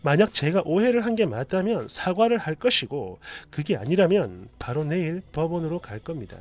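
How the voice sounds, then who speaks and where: A man dramatically reading an online post aloud as a storyteller, expressive and sarcastic with muttered asides. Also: on the high side, moderate pace.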